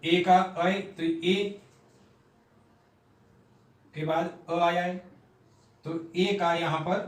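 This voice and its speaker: A man's voice: sits high, fairly even intonation, recorded from a distance. A man teaching a grammar lesson at a board, explaining step by step and sounding out syllables one at a time. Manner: slow, step-by-step explaining, repeating syllables aloud. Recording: echoey room, voice off-mic.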